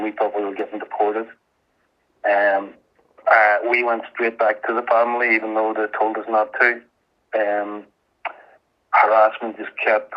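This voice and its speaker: A man giving an earnest, halting, emotional personal account as a guest in a radio interview. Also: on the low side. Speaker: interview guest, activist volunteer. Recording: muffled, band-limited radio interview sound.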